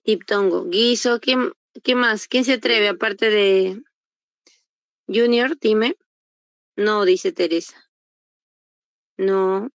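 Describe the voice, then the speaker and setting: A woman teaches an online entrance-exam class, quizzing students and sounding out words again and again. Her voice sits at a middling pitch. It comes through a computer mic, dry and a little muffled. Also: very slow, long pauses, no echo. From Peru. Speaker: university entrance prep teacher. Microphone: computer mic on a video call.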